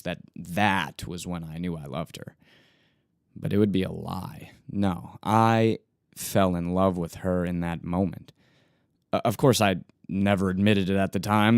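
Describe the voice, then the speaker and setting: A man narrating his own first-person love story in an earnest, gentle way, with small stumbles and soft chuckles. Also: fairly low pitch, dry recording, clean studio sound.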